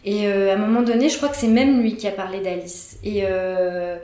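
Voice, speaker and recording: A woman's voice: mid-range voice, steady tone, moderate pace, mellow. A woman in her thirties, a guest telling her birth story in casual conversation, hesitant with many fillers and restarts. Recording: roomy echo.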